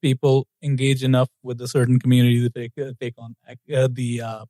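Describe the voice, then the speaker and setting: A man co-hosting a podcast in a relaxed, chatty way, laughing often. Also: mid-range voice, fairly quick, no room sound. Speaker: podcast co-host. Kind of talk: casual podcast chat.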